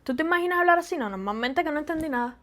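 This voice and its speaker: A woman from Cuba with a Cuban Spanish accent, talking animatedly in a casual vlog and laughing often. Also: sits high. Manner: animated, laughs often, acts out loud fast speech. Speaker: vlogger.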